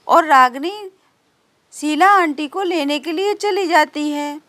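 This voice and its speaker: A woman storyteller explains a homemade doll story scene by scene in plain, simple words. Her voice is high and her pace slow, with a dry, close sound. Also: a bit bright, no room sound.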